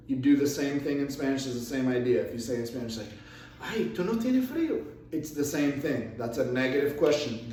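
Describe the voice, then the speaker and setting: A man's voice: a little high, a little mellow, recorded from a distance. A man teaching an English grammar lesson, explaining patiently step by step with repeated examples. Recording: echoey room, voice from off-mic.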